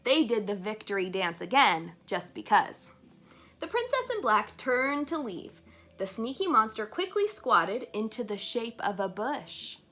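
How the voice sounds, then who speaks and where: A woman reads a picture-filled chapter book aloud to young children, her voice on the high side. She reads expressively and pauses to ask her listeners questions.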